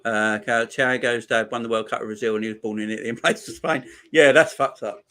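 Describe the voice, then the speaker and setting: A man's voice: mid-range voice, steady tone, quick pace, sharp tone. Laid-back man in his forties. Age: 40s. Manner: laid-back banter, laughs often, slangy. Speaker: livestream host. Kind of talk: casual chat reading viewer comments.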